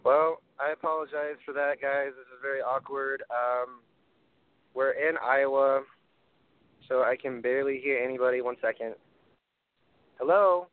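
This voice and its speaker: A man's voice: medium pitch, measured pace, long pauses, no echo. A man hosting a call-in show, calling "hello" into a phone call that keeps dropping out because of poor reception, and apologizing to his guests. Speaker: podcast host. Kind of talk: casual live call-in chat. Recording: tinny phone line.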